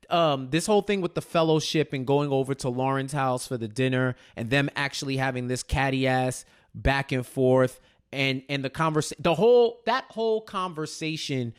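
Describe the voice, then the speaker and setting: A man with a clear, resonant, medium-pitched voice co-hosts a casual TV recap podcast at a normal speed. He talks in slang, repeats phrases while thinking, and keeps checking in with "right?"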